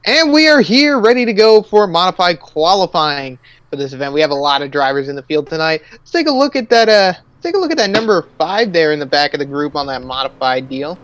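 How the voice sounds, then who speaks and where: Excitable rambling male race commentator. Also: on the high side, fairly quick, dry recording, low-quality recording. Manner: rambling, excitable, laughs a lot. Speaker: color commentator. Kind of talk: sim racing commentary.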